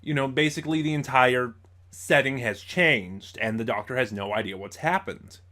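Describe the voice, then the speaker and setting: The man's mid-range voice sounds pushed and bright as he hosts an informal review. He speaks in fits and starts, stumbling and correcting himself along the way.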